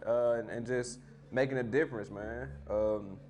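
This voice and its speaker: Memphis man, podcast guest, easygoing chat, mid pitch. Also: moderate pace, a little hiss or hum. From Memphis, Tennessee. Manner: relaxed, says "man" and "bro" often. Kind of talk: casual chat.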